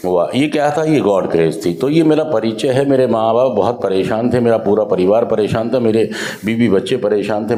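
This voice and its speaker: An addiction counselor with a fairly low-pitched voice gives a motivational talk to residents of a drug rehab center. He's animated, firing rhetorical questions at the audience, and his voice echoes with reverb.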